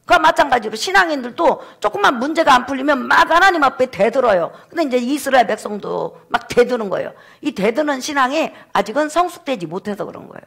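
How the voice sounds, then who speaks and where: A man's voice: very high voice, lively intonation, fast talker, vocal fry, hardly any pauses, a bit bright, slightly rough. A male pastor preaching a sermon in a church, acting out the voices of the people he quotes.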